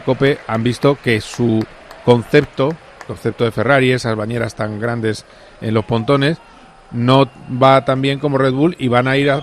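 A man's voice: mid-range voice, a little hiss or hum. A man reporting on Formula 1 on sports radio, explaining at length with frequent hesitations.

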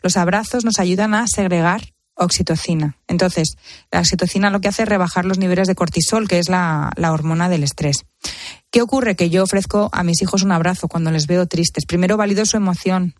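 A woman's voice: lowish voice, brisk, no echo, studio quality. A woman talks animatedly about raising children and acts out the voices of the people she quotes. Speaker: parenting guest expert. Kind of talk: casual chat.

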